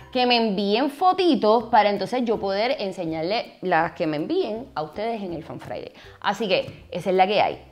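Lively Puerto Rican woman vlogger. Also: on the high side. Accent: Puerto Rican Spanish. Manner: animated, playful, self-mocking. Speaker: vlogger reading viewer comments. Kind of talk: casual chat.

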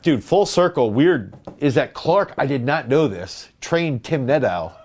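A man's voice: mid-range voice, expressive, a little slow, darkish tone. A man, a strength coach co-hosting a podcast, telling a rambling anecdote in casual chat. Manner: rambling anecdotes with quoted voices.

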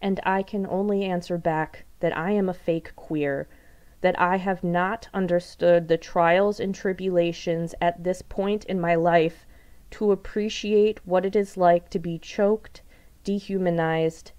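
A woman poet reading her own poem aloud, with a measured, deliberate delivery that leans on repeated phrases. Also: fairly low pitch, fairly even intonation, darkish tone. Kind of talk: poetry reading.

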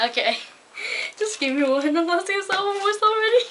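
Brief: teen girl host, casual taste-test banter, laughs a lot, high and animated. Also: normal speed, slight background noise. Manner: giggly, laughs often. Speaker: channel host.

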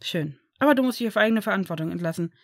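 A woman's voice: medium pitch, expressive, fast talker, no room sound, clean studio sound. A woman voicing a scolding young male healer.

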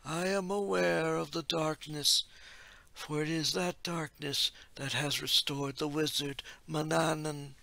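A man voicing an ethereal, wise male oracle who speaks slowly and solemnly in a storybook reading. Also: fairly high pitch, steady tone, vocal fry, no echo, pitched above the performer's own voice, heavily acted. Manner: slow, hushed and measured.

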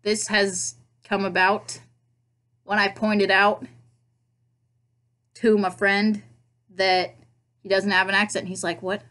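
Speaking into a laptop webcam indoors in her bedroom, a young Nebraskan woman with a Nebraska accent makes a casual accent tag video as a vlogger. Her medium-pitched voice is pushed and bright but flat, delivered slowly with long pauses, and her manner is chatty and self-mocking with playful asides.

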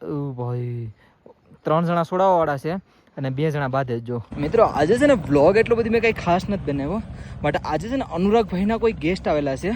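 A man with a slightly raised pitch hosts a casual vlog, chatty and friendly. He greets people and keeps talking as he walks outdoors at a pilgrimage site. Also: animated, fairly quick, a little mellow. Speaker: vlogger host.

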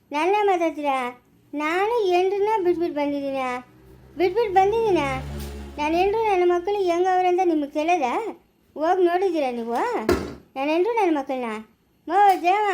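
A woman's voice: extremely high pitch, darkish tone. A woman playing a quarrelsome, indignant village man in a family skit, in a rural Chikkaballapura Kannada accent, scolding and ranting and repeating herself.

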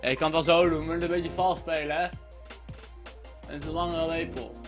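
A young man from the Netherlands giving casual commentary on an online racing game, excitable and swearing as he plays. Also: a little high, brisk, soft background music. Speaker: gaming YouTuber.

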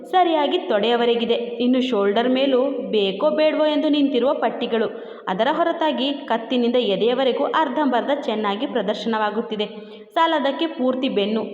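A woman's voice: fairly high pitch, close to an everyday voice. A woman voicing a defiant young wife who scolds and mocks her husband with sarcasm, in a story reading. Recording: dull echoey room with long reverb.

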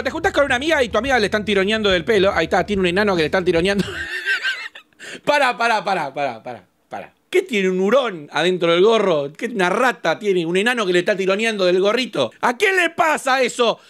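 A man with an Argentine Rioplatense accent hosting a reaction video, crude and mocking, jumping between shouts and mutters. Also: high-pitched, lively intonation, quick pace, a little hiss or hum. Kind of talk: casual reaction commentary.

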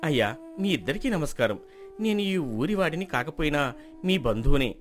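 A man's voice: fairly high pitch, sing-song. An actor playing an earnest young man from the village who argues persuasively and pleads with the elders. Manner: earnest, quick, pleading argument. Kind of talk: storybook drama acting.

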